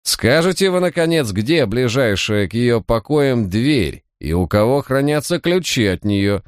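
A demanding noblewoman of about thirty with a piercing, sharp voice, as a male narrator puts her on. She presses and interrogates, pitched well above his own low register. The recording is close and dry, with no room sound. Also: lively intonation, unhurried, smooth, no echo, lightly acted. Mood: indignant. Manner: imperious, demanding. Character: shrill angry noblewoman around thirty. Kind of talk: audiobook character voice.

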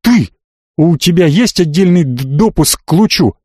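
A man's voice: a little high, lively intonation, moderate pace, darkish tone, husky, no room sound, clean studio sound. A man reading an audiobook, voicing a brutal, muscular young man who barks curt, threatening commands. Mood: menacing.

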